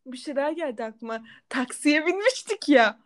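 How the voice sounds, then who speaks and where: High-pitched young woman co-host. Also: animated, moderate pace. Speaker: podcast co-host. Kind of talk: casual chat.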